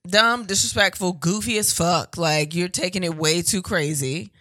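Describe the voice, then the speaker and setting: A woman co-hosting a podcast in casual chat, blunt and profane, swinging from low mutters to loud bursts. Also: normal speed, dry recording, studio quality. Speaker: podcast co-host.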